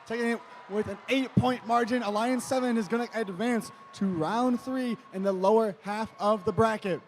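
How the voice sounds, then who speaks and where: A man announcing a live competition with a booming, pumped-up delivery. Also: moderate pace, slight background noise. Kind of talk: live event announcing and play-by-play commentary. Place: large competition venue.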